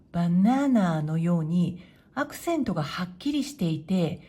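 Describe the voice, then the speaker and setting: A woman teaching Japanese to beginners in a clear, patient way, modeling pronunciation slowly and encouraging learners. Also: medium pitch, mellow. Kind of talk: slow, clear explanatory lesson.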